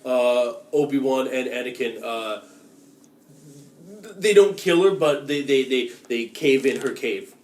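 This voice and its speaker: Male co-host, mid-pitched voice, eager explainer in a casual chat, room echo on the recording. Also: measured pace, darkish tone. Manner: eager, explains background at length. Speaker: podcast co-host. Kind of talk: casual film discussion.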